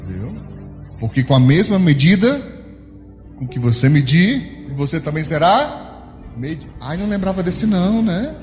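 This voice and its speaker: Brazilian male pastor, high tenor, emphatic sermon delivery with sweeping pitch, speaks straight to the congregation; long room echo, soft music bed. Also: lively intonation, normal speed. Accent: Brazilian Portuguese. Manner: emphatic preaching with big pitch swings, addressing the congregation directly. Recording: long hall reverb with soft background music.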